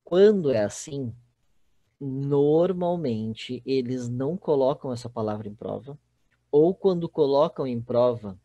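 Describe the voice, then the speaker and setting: A male teacher with a Brazilian Portuguese accent explains a lesson to an online class. He works step by step and keeps checking whether the students follow. His voice sits at an ordinary middle pitch, recorded close and dry with no room sound. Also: animated, a little slow, dark tone, no echo, muffled recording. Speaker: Spanish teacher.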